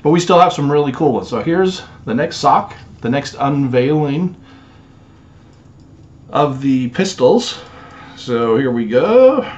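In his small home office, a man in his forties who resells storage unit finds gives a casual show-and-tell vlog, handling items on camera and rambling with plenty of fillers. He speaks slowly and expressively at medium pitch, pausing often, and the audio is dull.

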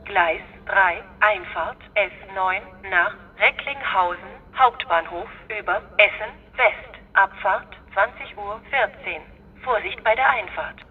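A tinny, phone-like recording with clear noise carries a woman's flat platform announcement. She speaks slowly and formally, setting out each phrase evenly as a station announcer. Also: mid-range voice. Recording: tinny phone-like band, hissy background noise.

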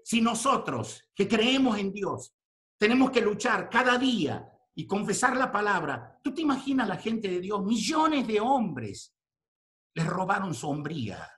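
A man in his sixties preaching a sermon to ministers, firing rhetorical questions and swinging between quiet talk and shouting. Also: high-pitched, big pitch swings, measured pace.

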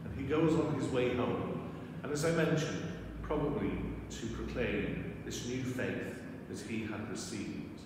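A man's voice: medium pitch, unhurried, few pauses, recorded from a distance. An older man speaking as a priest in church, reading scripture and preaching, his voice carrying a cathedral-style echo. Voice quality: echoing, cathedral-like reverberant sound. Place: church sanctuary at a lectern. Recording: echoey church hall, long reverb, noisy.

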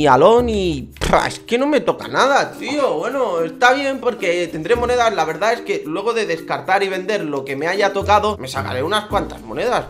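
Spanish man opening game packs on his channel, lively swooping voice, begs and curses at the game, faint music underneath. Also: high-pitched. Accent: Spain Spanish. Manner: excitable, pleading and swearing at the game. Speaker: gaming YouTuber. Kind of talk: pack-opening game commentary.

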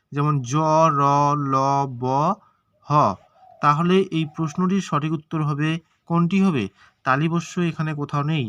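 A man's voice: a little high, a bit bright. A man teaching an exam-prep grammar lesson, asking questions and answering them himself, stretching out syllables to show how words are said. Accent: Bengali.

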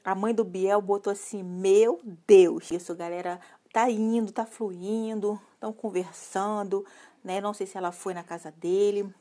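Woman gossip host, casual, chatty, mid-pitched, frequent tag questions. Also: fairly even intonation, normal speed, warm tone. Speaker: celebrity gossip channel host.

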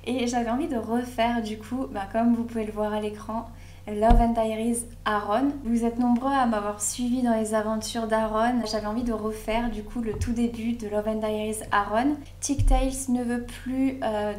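A woman, a gaming YouTuber, chatting excitedly through a let's play with many fillers. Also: a little high, moderate pace, a little hiss or hum. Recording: echoey room with music.

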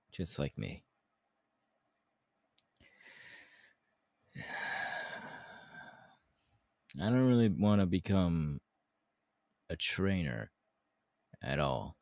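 Very deep, gravelly Hawks, romantic ASMR man acting. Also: a little mellow, no echo, exaggerated voice. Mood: hesitant, earnest. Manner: intimate, halting, breathy laughs and sighs. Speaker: voice actor, ASMR artist. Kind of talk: romantic ASMR audio roleplay.

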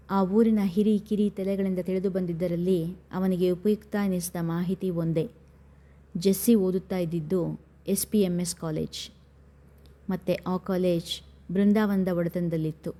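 Brief: female narrator for a dramatic audio story; lowish, warm and measured.

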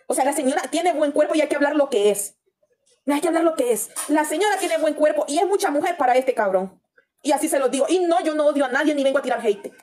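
High-voiced blunt Salvadoran woman ranting. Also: darkish tone. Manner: addresses viewers directly with tag questions. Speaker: TikTok livestreamer. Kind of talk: livestream gossip commentary.

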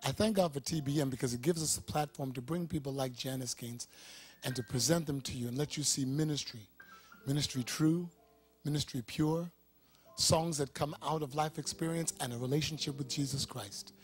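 A man's voice: medium pitch, moderate pace, soft background music. A man, a pastor, hosting a TV talk show interview in a studio with a live audience, speaking with an emphatic preacher's cadence.

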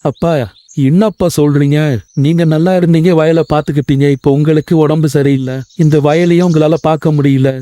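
A man's voice: fairly high pitch, fairly even intonation, brisk, warm tone, no room sound, lightly acted. A man voicing a homesick young husband working abroad in a cartoon, earnest and pleading. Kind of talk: Tamil cartoon voice acting.

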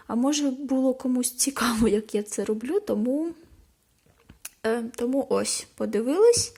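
A woman with a fairly high voice talks casually through her knitting project for a vlog. She sounds easygoing and a little unsure of how things will turn out. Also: a little mellow, husky. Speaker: knitting vlogger.

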